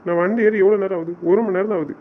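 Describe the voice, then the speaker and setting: Actor for a coaxing young man, fast and pleading, faint hiss behind. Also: sits high, steady tone, close to an everyday voice. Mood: frustrated. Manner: coaxing, reasoning, exasperated. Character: patient young man, exasperated fiancé on phone. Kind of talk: audio drama acting. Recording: dull lo-fi sound with faint noise.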